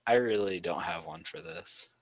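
A man's voice: low-pitched, normal speed, slight background noise. A man talking in an easygoing, slightly sheepish way while playing a party game with friends. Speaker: game player.

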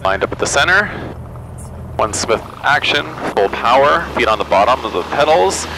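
A man's voice: mid-range voice, moderate pace. Man on a cockpit headset, engine roaring. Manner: calm self-coaching callouts, terse. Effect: pilot headset intercom in cockpit. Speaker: student pilot flying solo. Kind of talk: talking himself through flight checklists. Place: small plane cockpit in flight. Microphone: aviation headset boom mic. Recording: engine and wind noise in cockpit.

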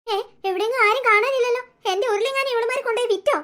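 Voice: extremely high pitch, sharp tone. A voice actor doing a furious old cartoon grandmother. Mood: angry. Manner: scolding, threatening, quick-talking. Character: hot-tempered old grandmother, possessive and shouting. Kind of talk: cartoon story voice acting.

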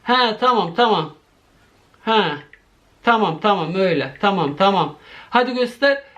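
A man making a horror video, reacting out loud to a video call and talking to his viewers in a jumpy, excitable way. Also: high-pitched, measured pace, highs cut off. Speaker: horror YouTuber.

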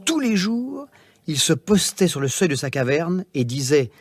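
A man narrating a children's storybook in a slow, expressive, theatrical way. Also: fairly high pitch, slightly rough, dry recording, clean studio sound. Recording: music playing behind.

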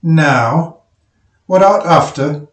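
A man's voice: a little high, lively intonation, echoey room, recorded from a distance. A man voicing a big, indolent miner husband who talks easily and unhurriedly. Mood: easygoing. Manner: easy, slow-witted, unhurried.

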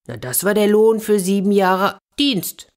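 A woman's voice: mid-range voice, expressive, a little slow, darkish tone, voice pushed up, lightly acted. A woman voicing Hans, a naive and happy young man, in a children's fairy tale reading, eager and delighted.

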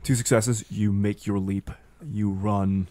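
A man narrating a tabletop role-playing game as game master, with deliberate, dramatic phrasing. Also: fairly low pitch, flat delivery, dark tone, no room sound.

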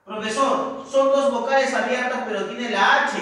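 A man's voice: very high-pitched, steady tone, normal speed, bright, forceful tone, distant mic, voice pushed up. A man voicing a young student who asks the teacher why, with a questioning tone. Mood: puzzled. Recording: very echoey room, voice off-mic.

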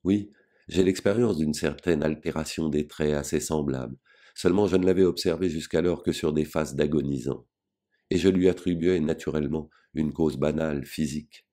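Very deep-voiced man reading a novel. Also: mellow. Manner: measured, grave first-person reading. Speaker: audiobook reader. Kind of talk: literary audiobook narration.

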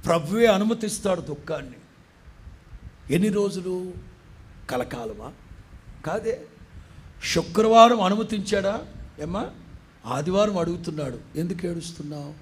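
A man's voice: high voice, animated, measured pace, long pauses, slightly rough. An Indian man preaching as a pastor, who acts out the voices of the people in the story. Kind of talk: sermon. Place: church.

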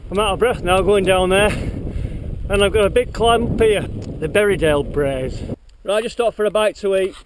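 Man, high voice, cyclist talking to camera outdoors, upbeat commentary, wind on the mic. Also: moderate pace. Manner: chatty, upbeat, pointing out places along the way. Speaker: cyclist vlogger. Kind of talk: casual running commentary while riding. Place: outdoors on open coastal roads. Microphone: handheld action camera.

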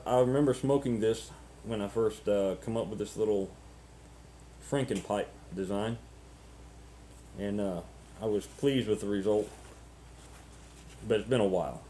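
A man in his thirties chatting casually and unscripted to camera as a vlogger, halting and ruminative, often repeating words, on noisy webcam audio. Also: fairly low pitch, mellow. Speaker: pipe-smoking vlogger.

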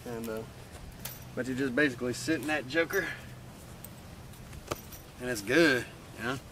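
Filmed on a handheld camera outside, with faint outdoor noise, a young man casually shows off his riverside camp. His mid-range voice has a sharp tone and a moderate pace, and he rambles along easily, chuckling a lot as he goes.

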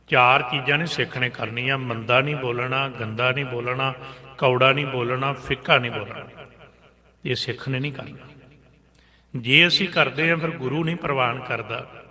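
A man preaching an earnest sermon in a bright, forceful voice. He drives his points home with repetition and rhetorical questions. A long reverb hangs behind him, like in a big hall. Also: mid-range voice. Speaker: Sikh preacher. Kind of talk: religious discourse.

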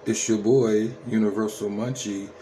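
A man's voice: lowish voice, fairly even intonation, moderate pace, warm tone, slight background noise, rough recording. A man in his thirties from New Jersey with an American accent, giving casual, slangy reaction commentary. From Trenton, New Jersey, USA. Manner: slangy, repetitive tag questions. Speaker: reaction video host.

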